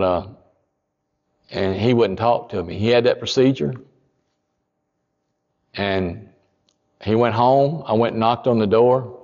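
A man, a pastor telling a story in a sermon, folksy and rising to loud emphatic peaks. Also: on the low side, long reverb tail, muffled recording.

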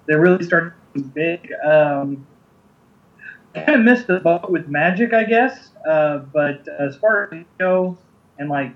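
Man, podcast co-host, casual, lots of ums, dull lo-fi recording. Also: a little high. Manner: easygoing, laughs often, lots of ums. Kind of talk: casual chat.

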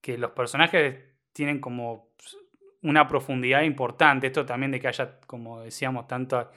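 A man discussing a film in a thoughtful, halting way. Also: mid-range voice, fairly even intonation, bright, forceful tone. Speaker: podcast film critic.

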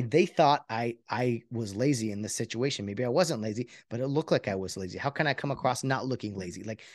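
A man's voice: medium pitch, no room sound. Rambling man, dry close sound. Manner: rambling, earnest, self-reflective; halting with many restarts and fillers. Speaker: podcast host. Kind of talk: casual solo podcast monologue.

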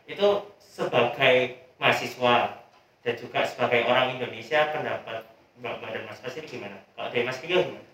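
Young guy hosting a chat, relaxed, bright voice in a really echoey room. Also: medium pitch, fairly quick. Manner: relaxed, frequent backchannel hums. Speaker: host. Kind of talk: casual interview. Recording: echoey room, distant mic.

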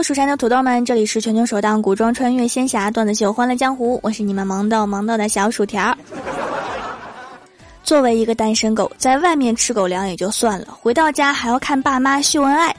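A young woman with a fairly high voice tells comic stories as a show host. Her delivery is lively and teasing, and faint music plays behind her. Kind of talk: scripted comic monologue.

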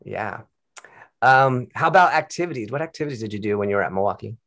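A man's voice: lowish voice, expressive, fast talker, vocal fry, fairly bright tone, no room sound, studio quality. A man, a school counselor, hosting a podcast interview with an upbeat, encouraging manner.

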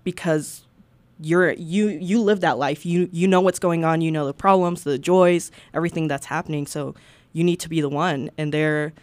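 A woman's voice: sits low, steady tone, moderate pace, darkish tone, no echo. A young woman from Peru with a Southern US accent, chatting casually as a guest co-host on a podcast, full of likes and restarts. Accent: Southern US, Arkansas. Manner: chatty, many likes and restarts, laughs often.

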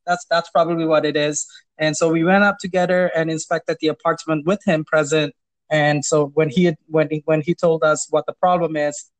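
On a rough recording, a property manager with a higher-pitched voice shares anecdotes in a relaxed interview. He stumbles through them with plenty of fillers and false starts, laughing softly now and then because he finds it all funny.

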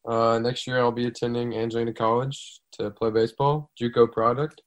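A man's voice: medium pitch, little pitch movement, fairly quick. Blunt, sarcastic young guy in friends' podcast, ordinary mid voice. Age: young adult. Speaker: podcast co-host. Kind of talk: casual chat.

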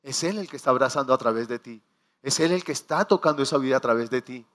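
A man preaching a sermon, telling stories with acted asides and slowing down to stress key phrases. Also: medium pitch, a bit bright. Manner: storytelling with acted asides and quoted prayers.

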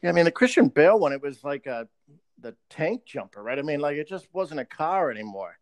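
A man with a high voice that swings widely, trading jokes and swearing in casual podcast chat. The sound is close and dry, with no room in it. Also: very animated, a little fast, dry recording. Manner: joking, swearing, slips into a mock British accent. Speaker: podcast co-host.

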